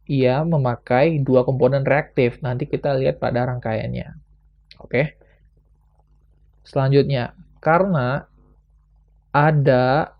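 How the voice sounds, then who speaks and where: Gravelly young man explaining casually. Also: mid-range voice, lo-fi sound. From Indonesia. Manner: casual, thinks aloud with frequent fillers. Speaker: student presenter.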